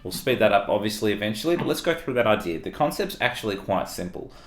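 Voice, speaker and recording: Australian male guitar tutor, easygoing walkthrough, slightly low voice, roomy sound. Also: fast. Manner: relaxed, explanatory, counts notes aloud. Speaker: guitar teacher.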